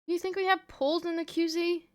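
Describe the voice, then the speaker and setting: A woman voicing a sassy, excitable teenage girl in a read-aloud fanfic. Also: extremely high pitch, normal speed, voice pushed up. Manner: cursing, sassy.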